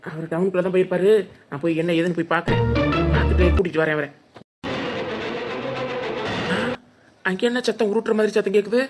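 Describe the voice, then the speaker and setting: A woman voicing a calm young village man in a cartoon, with a southern Tamil village accent, coaxing and placating the family. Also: fairly low pitch, fast talker, long pauses, loud music behind the voice, close to an everyday voice. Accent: southern Tamil Nadu village Tamil. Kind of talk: cartoon voice acting.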